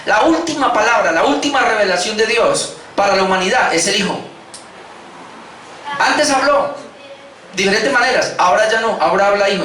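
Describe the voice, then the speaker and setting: A man's voice: high voice, sharp tone, slight background noise. A man with a Colombian accent preaching a sermon as pastor, emphatic and repeating key words, calling his listeners brothers. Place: church hall. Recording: echoey church hall, mic from a distance.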